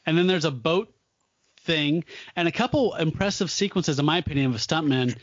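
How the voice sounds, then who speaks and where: A man hosts a relaxed film podcast, rambling with easy laughs. His voice sits a little high. The sound is dry and close, slightly dull in tone. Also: a little fast, dry recording. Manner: laughs often, loose and rambling with fillers. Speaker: podcast host. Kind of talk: casual chat about a film.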